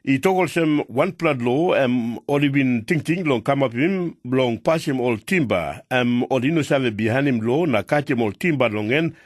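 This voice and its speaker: A man's voice: medium pitch, animated, normal speed, few pauses, no room sound, studio quality. A man with a Papua New Guinean accent reads scripted radio news in pidgin.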